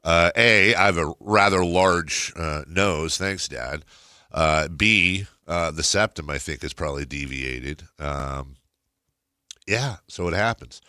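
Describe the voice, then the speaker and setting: A man's voice: low-pitched, takes it slowly, sharp tone, clean tone, dry recording, studio quality. A middle-aged man with a stuffed-nose, very nasal voice, talking casually and ramblingly as a talk radio host, repeating words and poking fun at himself.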